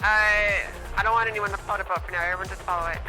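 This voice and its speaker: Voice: medium pitch, steady tone, fast, music in the background, rough recording. Give me a police officer giving terse, clipped commands over a walkie-talkie radio. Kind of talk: radio dispatch chatter.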